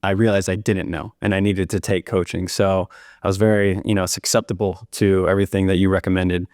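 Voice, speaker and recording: A man's voice: deep voice, little pitch movement, a little fast, darkish tone, no echo, studio quality. A man guesting on a podcast, answering casually and easygoingly, with plenty of "like" and "you know". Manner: easygoing, uses "like" and "you know", speeds up in bursts. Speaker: podcast guest, gym client.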